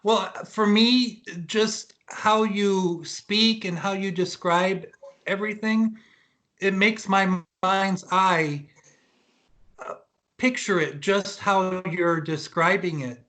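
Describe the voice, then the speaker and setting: A man interviewing a guest, agreeing warmly and asking questions about his work. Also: sits high, fairly even intonation, slow pace. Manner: friendly, agreeable, asks questions.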